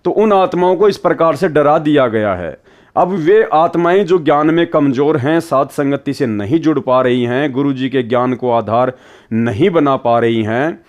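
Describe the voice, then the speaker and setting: A man's voice: medium pitch, a little mellow. A man preaching a devotional sermon in an earnest, admonishing way, retelling a parable. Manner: earnest, admonishing, acts out quoted voices in a story.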